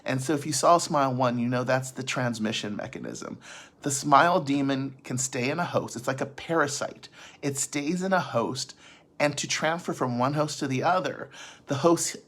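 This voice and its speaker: A man's voice: medium pitch, normal speed, fairly bright tone. A man casually recapping a film's plot for his vlog audience, rambling, often restarting sentences and adding asides. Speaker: vlogger recapping a film.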